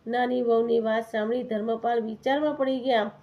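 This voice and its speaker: A woman narrating a devotional story in a steady, even reading voice. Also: a little high, a little fast, muffled recording.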